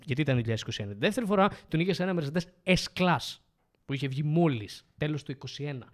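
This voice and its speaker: A man's voice: on the high side, animated. A man from Greece, co-hosting a casual podcast, bluntly answering a viewer comment. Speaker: podcast co-host. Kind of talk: casual chat.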